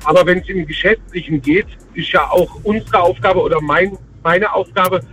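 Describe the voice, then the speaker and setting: A man's voice: high-pitched, moderate pace, a bit bright, soft background music. A man calling in to a radio show over a phone line from the road, talking hesitantly with many fillers. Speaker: radio call-in caller. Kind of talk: casual call-in chat.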